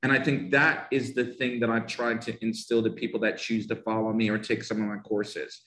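Passionate and emphatic, this English pronunciation teacher from the United States, with a Northern New Jersey accent, frequently repeats points for emphasis on his podcast. He talks at normal speed in a level, lowish voice that sounds a bit bright, recorded in a roomy space.

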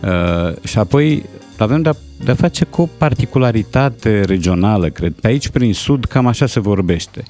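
A man's voice: lowish voice, animated, few pauses, dark tone, soft background music. A man commenting wryly on speech errors in casual studio chat. He laughs often and explains points of grammar. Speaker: language commentator.

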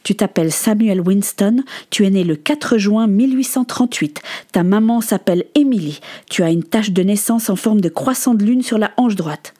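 A woman voicing a shamed father, once a convict, who speaks haltingly and apologizes. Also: medium pitch, mellow, natural voice. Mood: remorseful. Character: ashamed middle-aged father, former convict.

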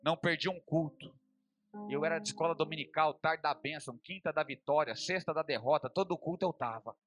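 A young man preaching a testimony sermon, swinging from loud fervent passages to quiet storytelling. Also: fairly high pitch, fairly quick, soft background music. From Brazil.

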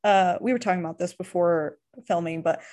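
Young woman, podcast co-host, casual chat, animated, swearing, frequent laughter. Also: fairly low pitch, brisk.

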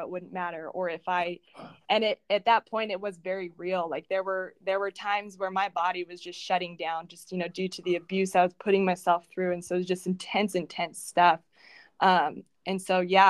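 A woman in a personal conversational interview, earnest and halting, telling her faith story at home with many restarts and fillers. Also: lowish voice, clean tone, no echo. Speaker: guest sharing her faith testimony.

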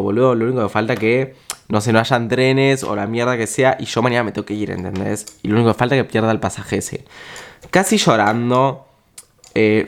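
Argentine guy in his twenties rambling through a travel story, lots of slang and filler words. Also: on the low side. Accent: Argentine Spanish. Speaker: podcast host. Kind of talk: casual storytelling monologue.

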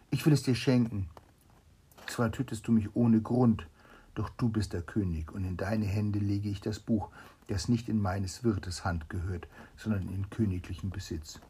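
A man's voice: fairly low pitch, mellow, husky. A man voicing a wise old court doctor. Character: calm, wise court physician. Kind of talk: reading a fairy tale aloud to a child.

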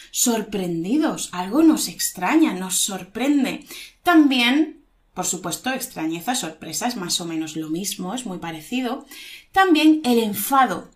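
A woman from Spain gives an online Spanish lesson in a fairly high voice. Her accent is plainly Peninsular. She talks with lively emphasis and stretches out her examples to show intonation. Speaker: Spanish teacher.

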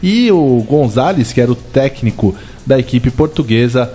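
A man's voice: medium pitch, lively intonation, moderate pace, warm tone, slightly rough, faint music behind. A Brazilian man co-hosting a podcast, chatting conversationally about football history. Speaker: podcast co-host.

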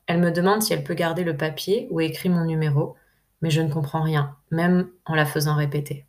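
Calm low-voiced woman narrating a diary. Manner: calm, measured reading. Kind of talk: first-person travel diary narration.

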